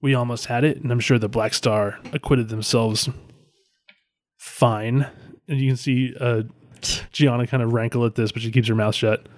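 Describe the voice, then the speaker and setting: A man's voice: mid-range voice, steady tone, normal speed, no echo. A man hosting and narrating a tabletop game podcast as game master, in a casual conversational style.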